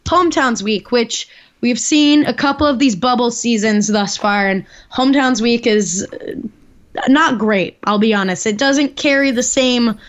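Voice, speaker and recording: A woman co-hosting a podcast, chatting casually with a slightly high voice. She talks loosely and leans on "like" as she goes. The recording sounds a little dull and lo-fi. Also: a little slow. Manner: chatty, heavy use of "like". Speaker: podcast co-host. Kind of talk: casual chat.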